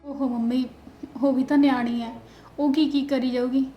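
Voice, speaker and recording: An actress playing a dutiful young wife with a headache who talks softly and without complaint. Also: female voice, sits high, little pitch movement, normal speed, dull audio, a little hiss or hum, close to an everyday voice. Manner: soft, uncomplaining. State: unwell. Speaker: elder daughter-in-law.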